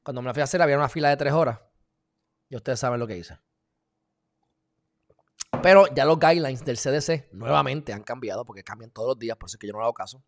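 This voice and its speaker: A man with a Puerto Rican accent giving emphatic, heated commentary in a casual live video, talking straight to his viewers with sudden loud bursts. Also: mid-range voice, fast talker, pauses often. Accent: Puerto Rican Spanish. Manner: informal, addresses viewers as "mi gente". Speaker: live-stream political commentator.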